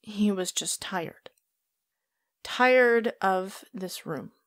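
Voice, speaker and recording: A woman telling a tabletop game story as scripted narration, dramatic and expressive, on a close mic. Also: medium pitch, drawn-out words, no echo.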